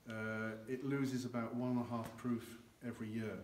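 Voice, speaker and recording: At a moderate pace, an older man explains cognac aging, his medium-pitched, slightly mellow voice showing little pitch movement. He serves as a guide in a dim barrel warehouse with an earthen floor and gestures with both hands. The recording comes from a camera a few meters away, with echo and faint noise.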